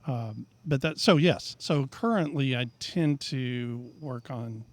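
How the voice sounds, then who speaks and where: Middle-aged male guest, professor-painter type; measured, explanatory, mid pitch. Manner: thoughtful, explains at length with many fillers. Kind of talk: casual interview talk.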